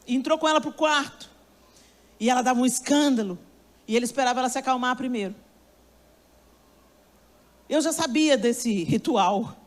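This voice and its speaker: A woman's voice: high-pitched, moderate pace, long pauses. A woman preacher delivering a sermon, telling a story with emphasis and speaking straight to her listeners.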